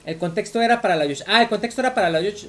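A gaming streamer with a Mexican accent and a mid-range voice talks very fast while playing a video game. Her commentary is casual and profane, and she repeats herself as she rants.

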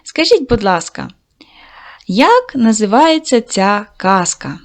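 A woman teaching a video lesson for second graders. Her pitch rises and falls in a lively way as she encourages the children. She speaks slowly and clearly to young pupils. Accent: Ukrainian. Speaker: primary school teacher.

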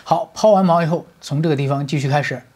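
Over guitar playing in the background, a man teaches electric guitar step by step, using everyday comparisons and frequently checking with the learner by asking "right?" His voice is a little high, darkish and slightly rough, and he talks quickly.

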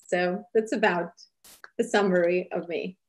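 A woman's voice: on the low side, steady tone, a little slow. A middle-aged woman from Serbia, a charity founder, speaking earnestly with many fillers and slightly phrasing in an interview over a webcam call from a small room. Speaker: charity founder and cooking show host. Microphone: webcam on a video call.

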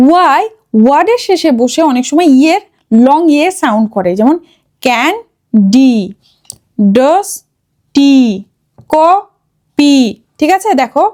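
Woman, high pitch, phonics teacher, sounds out words letter by letter, checks in often. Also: mellow. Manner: checks in often with a rising question. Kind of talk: explaining a lesson to children and parents.

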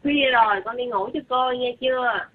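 A woman's voice: fairly high pitch, normal speed, no echo. A woman with a southern Vietnamese accent speaking in a plain customer service voice as a hotline operator on a call. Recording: muffled, tinny phone line.

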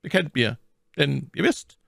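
A man's voice: a little high, lively intonation, measured pace, gravelly, a bit bright, no echo, studio quality, pitched above the performer's own voice, exaggerated voice. A man voicing a commanding, cunning male cardinal with a ringing, imperious tone, in a storybook reading.

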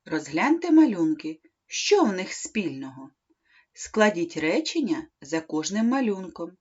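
A woman reading a primary school lesson aloud, slowly and clearly, as a teacher. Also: on the low side, sing-song, darkish tone. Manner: slow, clear instructional reading. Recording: dull lo-fi recording.

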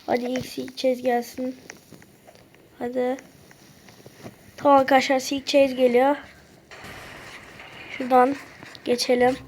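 High-voiced woman narrating her phone game. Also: measured pace, pauses often, slight background noise. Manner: keeps saying "okay friends" while playing; bursts into excited shouts at discoveries. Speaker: gameplay commentator. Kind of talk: casual game commentary. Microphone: phone screen recorder.

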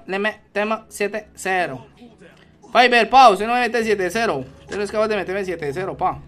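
A man livestreams a video game, his voice bright and high as he chats casually with viewers and greets them one by one. Soft music plays underneath. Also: clear, resonant tone. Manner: lively, greets viewers by name between plays. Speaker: streamer. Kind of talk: casual gaming livestream commentary.

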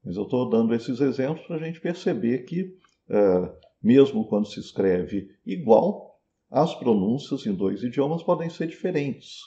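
A man's voice: medium pitch, expressive, a little slow, warm tone, lo-fi sound. A man with a Brazilian Portuguese accent, teaching a pronunciation lesson patiently and repeating words to model them. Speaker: Sanskrit teacher. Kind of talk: slow explanatory lesson.

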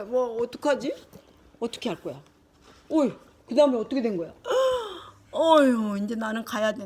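An older woman, a grandmother, reading a picture book to her grandchild, lively and chatty with little asides. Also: a little high. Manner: animated, shifting into character voices and asides.

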